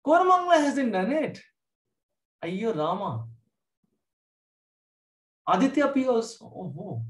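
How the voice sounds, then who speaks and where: A man's voice: very high voice, very animated, fairly quick. A man with a South Indian accent teaching a live online maths lesson, informally questioning students and calling on them by name. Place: indoor room, online class from a computer. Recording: echoey room.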